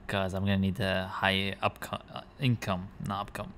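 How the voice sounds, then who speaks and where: Low gravelly guy doing rambling game commentary, thinks out loud, keeps correcting himself. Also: flat delivery, normal speed, a little hiss or hum. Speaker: gaming commentator. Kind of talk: gameplay commentary.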